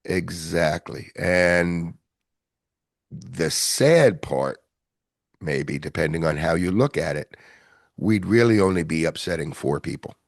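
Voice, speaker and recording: A man hosting a podcast in casual chat, rambling and self-deprecating, with a gravelly voice. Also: low-pitched, lively intonation, slow, dry recording, clean studio sound. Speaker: podcast host.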